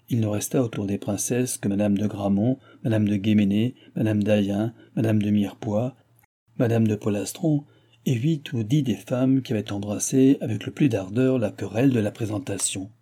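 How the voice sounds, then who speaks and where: Deep husky-voiced man reading a novel. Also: dark tone. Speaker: audiobook reader. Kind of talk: scripted narration of a classic novel.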